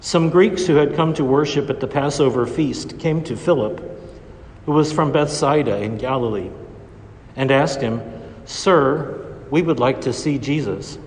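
A man, a priest, reading the gospel and preaching a homily in a measured, deliberate way, his voice carrying the long echo of a large church. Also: mid-range voice. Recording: reverberant church recording.

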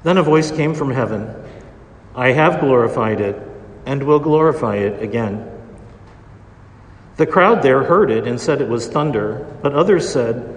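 A man, a priest, reading the gospel and preaching a homily in a measured, deliberate way, his voice carrying the long echo of a large church. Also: medium pitch, expressive. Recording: reverberant church recording.

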